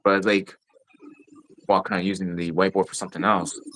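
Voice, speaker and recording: A man's voice: low-pitched, little pitch movement, brisk, fairly bright tone, slight background noise. A man live streaming in casual chat, rambling and swearing freely with lots of filler phrases.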